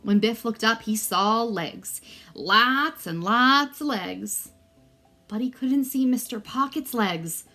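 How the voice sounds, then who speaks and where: Reading a children's story to young listeners, a woman uses expressive, deliberate, dramatic emphasis. Her voice is a little high with a sharp tone, and faint music can be heard behind her.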